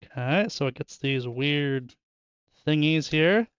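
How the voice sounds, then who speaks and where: A man's voice: a little high, takes it slowly, a bit bright, clear, resonant tone, no echo, dull audio. A young man chatting casually and joking with viewers while opening card packs in his bedroom, laughing often. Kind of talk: casual chat with live chat. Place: bedroom at home.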